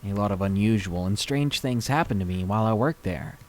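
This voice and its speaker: A man reading a scary true story aloud with slow, dramatic pacing. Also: lowish voice, darkish tone. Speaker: story reader.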